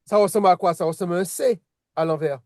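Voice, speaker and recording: Man, teacher, fairly high voice, dry close sound, hesitant, restarts a lot, patient. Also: fast, darkish tone, no room sound. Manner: hesitant, frequent restarts and repeated words; patient, checks understanding with "d'accord?". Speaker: Hebrew teacher. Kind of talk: casual online lesson.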